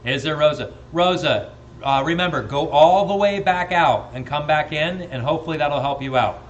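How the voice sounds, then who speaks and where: Male auctioneer on a live stream; steady repeated bid chant, friendly asides, light noise underneath. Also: a little high, normal speed, muffled recording.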